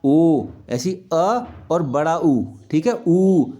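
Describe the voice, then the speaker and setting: A man's voice: fairly high pitch, big pitch swings, dark tone, dull audio. Patient man teaching children a lesson. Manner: patient, asks the class questions and answers them; repeats examples slowly, stretching key sounds. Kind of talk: Hindi grammar lesson for children.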